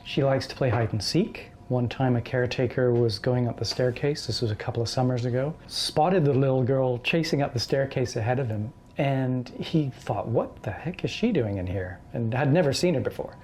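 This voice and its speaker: Guy, ghost researcher, warm mellow tone, tells his story with lots of ums and little voices for people. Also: medium pitch, normal speed, hardly any pauses, slight background noise. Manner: animated storyteller, acts out quoted voices. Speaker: paranormal researcher. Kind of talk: casual storytelling interview.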